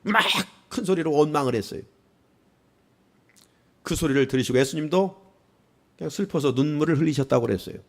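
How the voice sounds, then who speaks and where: A man's voice: fairly high pitch, expressive, fairly quick, pauses often. A male pastor preaching a sermon, asking the congregation questions and rising into exclamations.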